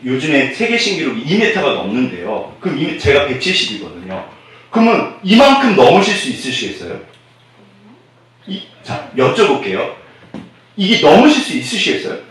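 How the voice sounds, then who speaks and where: Animated male pastor preaching in an echoey hall. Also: fairly high pitch, slight background noise. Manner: animated, call-and-response questions to the congregation; swings between loud emphatic bursts and near-whispered asides. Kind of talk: sermon. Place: church sanctuary. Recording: echoey church hall, mic at a distance.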